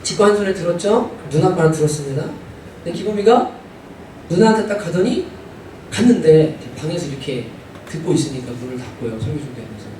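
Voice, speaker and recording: High-voiced pastor preaching in an echoey church. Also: male voice, expressive, brisk, slight background noise. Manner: storytelling, building to fervent loud preaching. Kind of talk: sermon. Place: church sanctuary. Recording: very echoey hall from far off.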